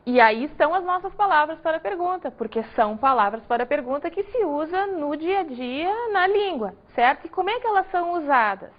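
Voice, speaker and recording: A woman's voice: high-pitched, lively intonation, a little fast, few pauses. A woman from Brazil, an English teacher, patiently explaining grammar and stressing each example word. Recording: dull lo-fi recording.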